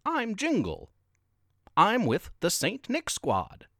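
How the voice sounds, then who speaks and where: A man voicing an eager male Christmas elf who talks quickly and urgently. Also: high-pitched, wildly swooping pitch, a bit bright, no echo, clean studio sound, pitched above the performer's own voice, full character voice.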